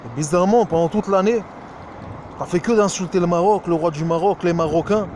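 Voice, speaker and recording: A man's voice: high voice, fairly quick, darkish tone, slight background noise. A man talking straight to a rival in a scornful, mocking rant, hesitating often with fillers. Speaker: YouTuber answering a rival. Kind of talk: direct-address rant video.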